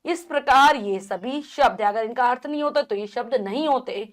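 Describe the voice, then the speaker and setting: A woman's voice: fairly high pitch, moderate pace. A woman teaching a children's grammar lesson, patiently spelling out letters and asking and answering her own questions.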